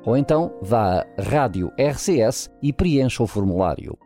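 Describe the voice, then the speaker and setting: A man's voice: mid-range voice, animated, moderate pace. A man reading a scripted radio advert. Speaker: advert announcer. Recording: loud guitar music bed. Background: plucked guitar music.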